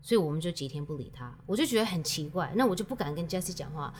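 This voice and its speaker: Low-voiced woman mixing English into Mandarin. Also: expressive, fast talker, a little mellow, slight background noise. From United States. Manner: storytelling, mixes English words into Mandarin. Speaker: guest. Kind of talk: casual chat.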